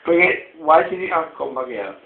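A man's voice: on the high side, animated, fairly quick, creaky. A drunk man in his twenties with slurred speech, rambling casually and calling out repetitively. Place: indoor room, lying on the carpet. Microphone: someone else's phone camera nearby. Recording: echoey, tinny, noisy phone video.

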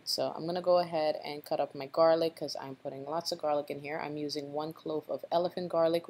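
Low-voiced woman teaching a cooking recipe. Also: a little mellow. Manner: instructive, repeats tips with a checking "okay?". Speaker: cooking channel host. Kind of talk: cooking tutorial voice-over.

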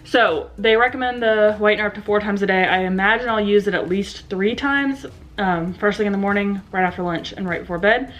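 A woman's voice: medium pitch, fairly quick, a bit bright, highs cut off. Young woman vlogging from her bedroom, chatty w lots of ums, slight lisp on her s sounds. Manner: chatty, many ums and likes. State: slight lisp from new aligners. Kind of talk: casual vlog talking to camera. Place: bedroom at home. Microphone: camera set down in front of her.

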